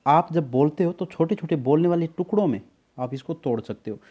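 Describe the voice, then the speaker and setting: Here a tutor with a slightly high, expressive voice leads a spelling lesson at a slightly quick pace, and the audio sounds dull. Patient throughout, he explains words, repeats them, spells them letter by letter, and calls his students "beta."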